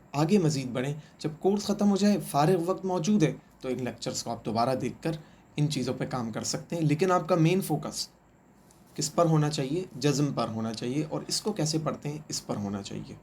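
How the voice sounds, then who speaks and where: In a recorded online lesson, a man teaches Quran reading, patiently posing questions and answering them himself while repeating every sound three times. His voice is mid-range and slightly mellow.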